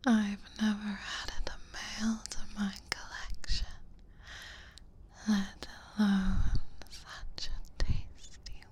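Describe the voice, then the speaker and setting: A woman voicing a hungry, possessive female dragon in a whispered audio roleplay, slow and predatory. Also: mid-range voice, monotone, husky. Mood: possessive teasing.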